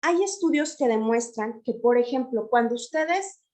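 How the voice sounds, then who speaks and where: A woman's voice: a little high, expressive, moderate pace, a little mellow. A woman giving an explanatory lecture to teachers, often checking in with her listeners.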